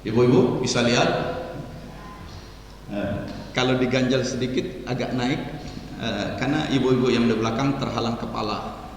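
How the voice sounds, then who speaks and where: A man preaching a sermon to a live audience indoors, telling stories with sharp emphatic rises. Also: mid-range voice, fairly even intonation, moderate pace, long pauses, a little hiss or hum. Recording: echoey hall from far off.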